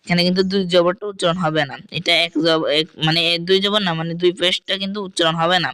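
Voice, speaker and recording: A man with a Bangladeshi Bengali accent teaching Quran recitation, spelling out letters and vowels, then drawing the syllables out slowly between quick explanations. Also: sits high, steady tone, bright, forceful tone, clean tone, no room sound.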